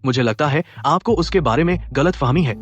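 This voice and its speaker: An actor dubbing a calm, patient young husband and grandson. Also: male voice, fairly high pitch, fairly quick, highs cut off, close to an everyday voice. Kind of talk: Hindi drama dubbing. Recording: dialogue over music.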